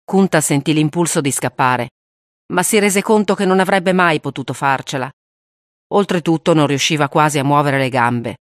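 Brief: a woman narrating an audiobook, lowish voice, steady and grave, dry close recording. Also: normal speed, no room sound.

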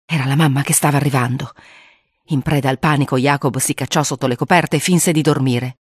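A reader narrating a spooky children's story aloud in an expressive way, acting out the voices. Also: medium pitch, a little fast, slightly rough, no echo, studio quality.

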